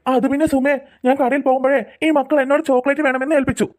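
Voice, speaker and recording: A woman voicing a soft-hearted cartoon father who pleads and apologizes to his daughters and wife. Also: sits high, level tone, rapid-fire, lightly acted. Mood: pleading.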